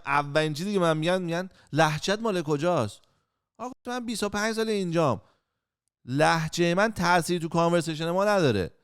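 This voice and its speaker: A man's voice: a little high, smooth, no room sound, clean studio sound. A middle-aged man hosting a chat podcast, bluntly acting out whole conversations and swearing freely. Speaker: podcast host. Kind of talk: casual chat.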